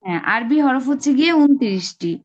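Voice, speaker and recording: A woman's voice: high-pitched, lively intonation, quick pace, a little mellow. A woman teaching an online class, patiently explaining step by step and drawing out each sound she demonstrates. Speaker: Arabic pronunciation teacher. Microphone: video call. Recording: lo-fi online call audio.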